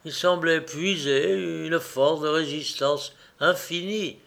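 A man reading a classic novel aloud in a slow, measured, expressive narration. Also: a little high, vocal fry. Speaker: audiobook reader.

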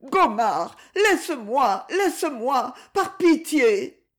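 A reader voicing a desperate young woman who pleads and sobs in a high, tearful voice, in a French audiobook. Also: huge pitch swings, a little slow. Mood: pleading. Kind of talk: audiobook character voice.

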